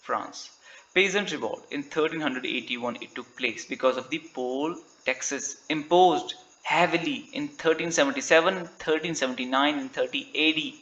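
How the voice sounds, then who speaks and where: Man, Indian English accent, exam-prep lecturer, quizzes then answers himself, crisp voice, roomy echo. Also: fairly high pitch, normal speed, sharp tone. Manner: asks questions then answers them, tags lines with "right?". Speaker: teacher. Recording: echoey room.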